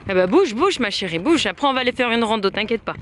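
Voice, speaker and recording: A woman in her thirties with a French accent, chatting excitedly and laughing as she films a family outing. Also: fairly high pitch, fast. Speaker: vlogger. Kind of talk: casual family vlog. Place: outdoors and in a visitor center. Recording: noisy outdoor camera audio.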